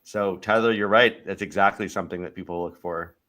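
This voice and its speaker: A man's voice: low-pitched, fairly even intonation, brisk, bright, forceful tone. A man who produces and casts a show, talking modestly and laughing easily in casual chat. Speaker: show producer and casting director.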